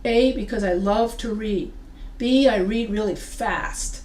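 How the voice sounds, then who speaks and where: A middle-aged English composition professor, whose first language isn't French, gives an unscripted lesson to her webcam, gesturing a lot as she explains. Her medium-pitched voice is slow and a little mellow. The room is echoey and she sounds a bit far from the mic.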